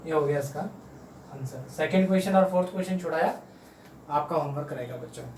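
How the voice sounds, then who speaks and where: A patient male teacher walks children through a math lesson, saying each number slowly and more than once. His voice sits a little high and reaches the mic from across a roomy space at home. A faint hum runs underneath. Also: darkish tone, far from the mic. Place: room at home.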